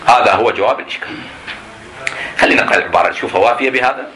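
A man's voice: on the low side, rapid-fire, background noise. A man lecturing a class, reading a text aloud and explaining it by asking and answering his own questions. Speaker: teacher of jurisprudence.

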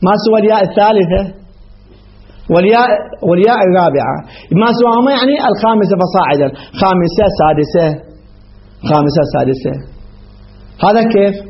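A man with a high voice and a light colouring works through a grammar lesson, circling back over each rule. He asks questions and answers them himself, often correcting himself mid-word. The recording is dull and lo-fi with a faint hiss behind it. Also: expressive, fast, pauses often. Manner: repeats and restates terms, asks rhetorical questions then answers; self-corrects mid-sentence. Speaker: grammar teacher. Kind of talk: classroom lesson explaining grammar rules.

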